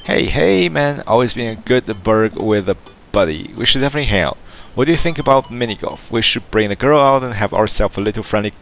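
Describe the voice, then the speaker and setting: A man's voice: medium pitch, lively intonation, a little fast, creaky, hardly any pauses, a bit bright, a little hiss or hum. A man voicing a friendly, competitive suburban dad in a dating game, jovial and boastful.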